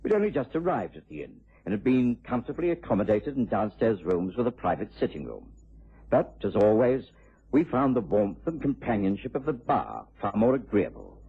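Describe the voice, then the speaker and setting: An actor playing an amiable, articulate British gentleman doctor, acting and narrating in a period radio drama. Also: fairly low pitch, very animated, breathy edge, heavily acted. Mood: reminiscing. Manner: measured, articulate, genteel. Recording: tinny vintage radio broadcast, faint music.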